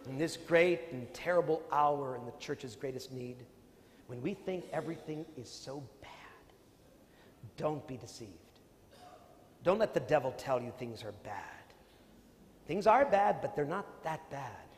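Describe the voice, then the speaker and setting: A Canadian priest giving a sermon as a comic storyteller, swinging between loud bursts and hushed passages. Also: male voice, medium pitch, lively intonation, unhurried. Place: large convention hall. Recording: long hall reverb, faint noise.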